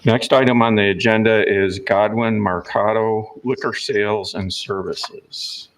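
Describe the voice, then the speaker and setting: A man's voice: on the low side, fairly even intonation, measured pace, poor audio. A man chairing a meeting with informal, conversational remarks. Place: council meeting room.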